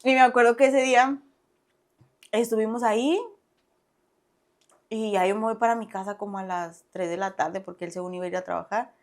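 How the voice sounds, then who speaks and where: A young woman with a Mexican accent, a guest on a podcast, telling her own story in a casual, animated way and often laughing. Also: medium pitch, brisk, pauses often. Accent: Mexican Spanish. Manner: animated, acts out past dialogue, laughs often.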